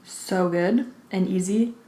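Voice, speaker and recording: A woman's voice: medium pitch, warm tone. Woman chatting casually over food, echoey room. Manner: pauses to take bites and chew; informal, peppered with "like". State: slightly out of breath. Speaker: mukbang host. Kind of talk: casual chat while eating. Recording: roomy, echoey indoor sound.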